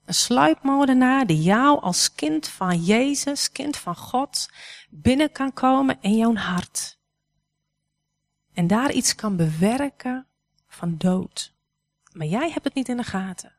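A woman's voice: fairly high pitch, animated, takes it slowly. A woman in her forties, a guest speaker giving a sermon in a church hall, who talks to the congregation in a conversational way and often asks them questions.

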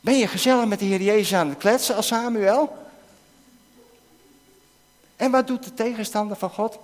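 A man leading an interactive children's talk in church, coaxing the kids with questions and now and then breaking into shouts. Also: high-pitched, moderate pace. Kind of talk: interactive object lesson with children. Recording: long hall reverb.

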